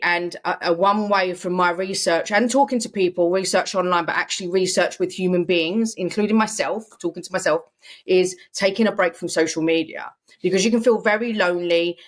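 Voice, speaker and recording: A young adult woman co-hosts a casual podcast conversation with a slightly low-pitched voice. She talks in an earnest, reflective way and often pads her points with "you know.". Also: steady tone, moderate pace. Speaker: podcast co-host. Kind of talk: casual chat.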